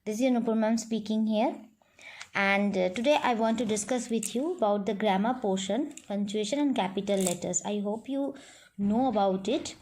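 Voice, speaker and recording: A woman's voice: mid-range voice, normal speed, darkish tone. A middle-aged woman with an Indian English accent, teaching a grammar lesson online to children, patient and repetitive with frequent "you know" and "right?".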